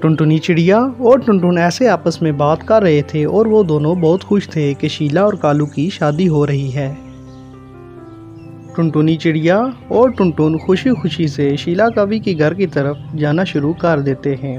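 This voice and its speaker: A man with a fairly high, slightly mellow voice narrates a scripted cartoon moral story as the storyteller. The lo-fi recording sounds dull and has music in the background.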